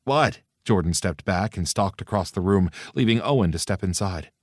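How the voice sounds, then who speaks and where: A man narrating a novel with an even, matter-of-fact read. His voice is very deep and recorded bone-dry in a booth. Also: normal speed, no room sound. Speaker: audiobook narrator. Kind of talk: scripted narration.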